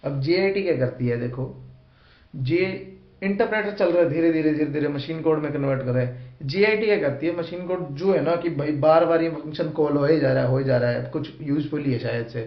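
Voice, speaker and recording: A man teaching programming in a loose, chatty way, talking right to his students. His voice sits a bit high for a man. The sound is dull and lo-fi, with plenty of room echo. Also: brisk. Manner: chatty and informal, addresses students directly. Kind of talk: casual Hindi lecture mixing English terms.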